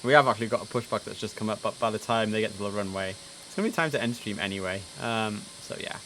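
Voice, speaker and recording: Commentating casually on a live stream of an air traffic control simulator game, a man chats and thinks out loud. He speaks fast in a voice on the low side with a fairly bright tone, and a slight hiss or hum is audible.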